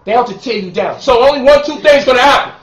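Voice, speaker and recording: A man's voice: very high-pitched, fast talker. A man from Brooklyn, a lecturer and author, talking heatedly and boastfully in a sit-down interview with a preacher-like cadence. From Brooklyn, New York. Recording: roomy, distant, muffled recording.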